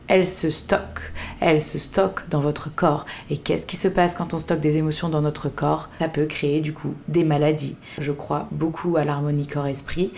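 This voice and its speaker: A woman with a slightly low voice talks softly to her viewers in a calm instructional vlog. She coaches them in a measured, even way, recorded indoors on a camera mic. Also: slight background noise.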